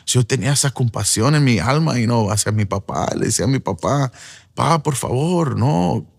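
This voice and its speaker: A man's voice: mid-range voice, expressive, fast. A man giving an earnest personal testimony as a preacher, slipping in English fillers. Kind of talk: emotional first-person testimony.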